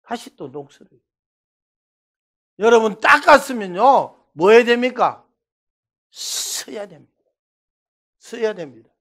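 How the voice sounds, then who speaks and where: High-voiced Gyeongsang-accented pastor preaching. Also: male voice, slow pace, long pauses. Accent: Gyeongsang Korean. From Daegu, South Korea. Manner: animated storytelling, swinging between loud bursts and hushed asides. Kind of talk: revival sermon.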